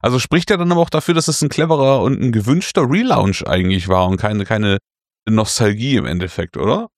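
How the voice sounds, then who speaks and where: A man's voice: fairly low pitch, lively intonation, a little fast, no echo, clean studio sound. A man co-hosting a casual board game news podcast, self-mocking and jokey, laughing at his own slips. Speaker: podcast co-host.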